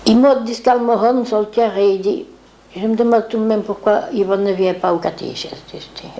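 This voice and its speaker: Older lady rambling through old memories, does the voices of people she quotes, dark gravelly voice. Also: medium pitch, steady tone, normal speed. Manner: rambling, acts out quoted speech. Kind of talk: reminiscing oral history.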